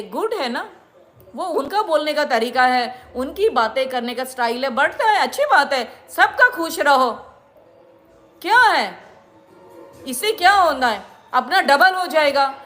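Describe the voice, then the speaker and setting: A middle-aged woman with a high voice scolds her viewers in a long monologue. She sounds indignant and preachy and circles back to the same points again and again. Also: lively intonation, unhurried, a bit bright. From India. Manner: indignant, lecturing, repeats herself. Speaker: vlogger.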